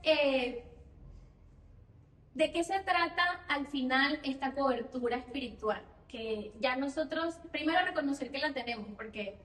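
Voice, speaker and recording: High-voiced Venezuelan woman, echoey church. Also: measured pace, a bit bright. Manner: earnest, repeats phrases, frequent fillers. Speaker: church speaker. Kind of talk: personal testimony sermon. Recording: echoey room heard from a distance.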